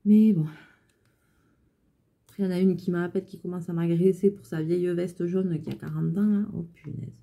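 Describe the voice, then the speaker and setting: A woman who owns a small clothing alterations shop chats to the camera in a loose, rambling way. She vents about her customers with tired exasperation. Her voice is deep, warm and very dark, with a husky grain. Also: fairly even intonation, moderate pace, long pauses. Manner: venting, exasperated storytelling. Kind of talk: casual chatty vlog.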